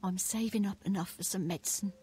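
A woman's voice: mid-range voice, fairly even intonation, fast, dark tone, a little hiss or hum, close to an everyday voice. An actress playing a wretched old beggar woman in a video game, alternating between a feeble voice and a plainer one. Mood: pleading, obliging.

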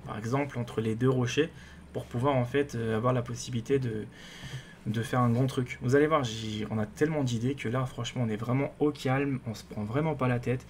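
Male gaming YouTuber, mid pitch, casual and excitable, rambles; faint noise floor. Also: brisk. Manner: rambling, excitable, many fillers and restarts. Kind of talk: casual gameplay commentary.

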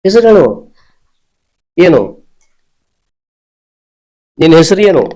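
A man's voice: high voice, takes it slowly, darkish tone, poor audio. A man, a spirit healer who keeps repeating short, insistent questions and commands. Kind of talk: ritual interrogation.

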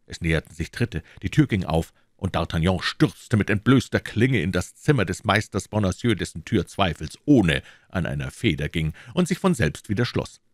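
A man reading a classic novel aloud as an audiobook, in measured, expressive storytelling. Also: low-pitched, no room sound, studio quality. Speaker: audiobook reader. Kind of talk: scripted narration of a classic novel.

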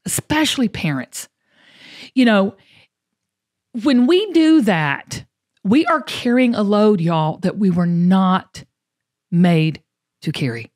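Speaking slowly with long pauses, a Southern-accented woman hosts a motivational talk show in an animated, mid-range voice with a darkish tone. She's folksy and emphatic, repeating phrases for effect.

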